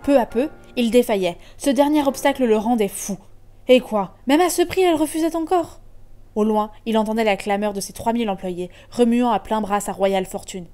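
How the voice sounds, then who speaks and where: A woman giving an expressive dramatic reading from a classic novel. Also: medium pitch, brisk, soft background music. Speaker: reader.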